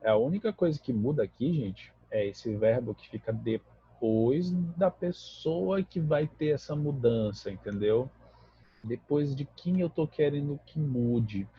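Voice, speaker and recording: Brazilian man, native Portuguese, English teacher, explanatory and patient, husky, lo-fi dry recording. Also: medium pitch, animated, a little slow. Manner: explanatory, repeats and checks with "né?" and "tá?". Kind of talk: classroom grammar lesson.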